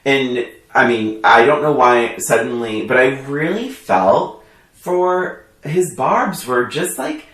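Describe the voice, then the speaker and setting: A woman's voice: a bass voice, slow pace. A woman co-hosting a podcast, chatting casually and acting out quotes as she tells stories. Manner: animated storytelling, acts out quotes. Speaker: podcast co-host. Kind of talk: casual chat. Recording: echoey room, distant from mic.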